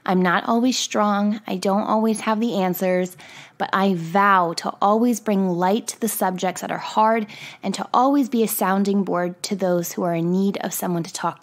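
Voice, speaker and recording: Earnest, upbeat woman podcast host. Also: medium pitch. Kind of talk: scripted intro and interview hosting.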